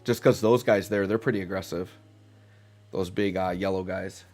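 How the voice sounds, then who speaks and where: Deep-voiced and speaking at a moderate pace, a stuffy man still shaking off a cold chats his way through a live-streamed game. His talk is loose and meandering, full of fillers as he thinks aloud, with faint music in the background.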